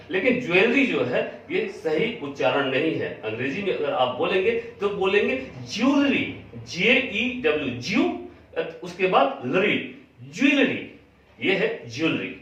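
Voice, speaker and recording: A man teaching English pronunciation in a spoken lesson, spelling words out letter by letter and repeating the correct form slowly. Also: high-pitched, sing-song, a bit bright. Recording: very echoey, distant, dull sound.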